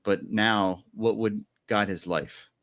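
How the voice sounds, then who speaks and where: Podcast guy, fairly low voice, rambly, tons of "like", slips into quick goofy quotes. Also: fairly even intonation, a bit bright. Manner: rambling, many "like"s and "you know"s, quick acted quotes. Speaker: podcast co-host. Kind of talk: casual book-review chat.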